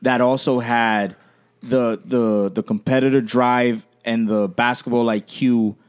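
An American man in a casual podcast debate, talking haltingly, repeating words, swearing and checking that he is understood. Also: medium pitch, fairly even intonation, clean tone. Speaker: podcast co-host.

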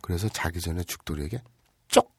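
A man co-hosting a talk show, telling a comic story with animated delivery and acting out the lines of its characters. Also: low voice, fairly quick, breathy edge, no echo, clean studio sound. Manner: animated, acts out characters' lines with big swings. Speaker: podcast co-host telling a story. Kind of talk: comedic storytelling, Japanese lesson chat.

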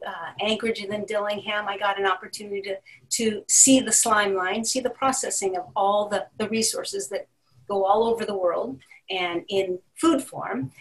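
A woman's voice: medium pitch, fairly bright tone, recorded from a distance, poor audio. A middle-aged woman recalling her years of fishing with family, with frequent uhs and repeated words. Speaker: guest, teacher and summer fisher. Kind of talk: casual interview answers.

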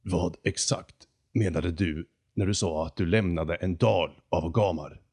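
A man voicing an arrogant male talking condor in a storybook reading, with a deep, hoarse voice and a slow, haughty, lecturing manner. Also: darkish tone.

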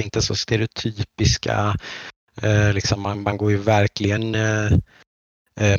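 This podcast host from the Nordic countries speaks on the low side, rambling through casual chat with plenty of stops and restarts. Dry, dull lo-fi sound.

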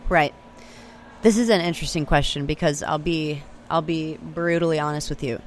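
A young woman from Austin, Texas, a singer-songwriter guest, chats casually in an interview, her speech heavy with fillers, frequent "like," and restarts. Her low voice holds a steady tone at normal speed. A handheld recorder with external mics at a remote location picked up a little hiss or hum.

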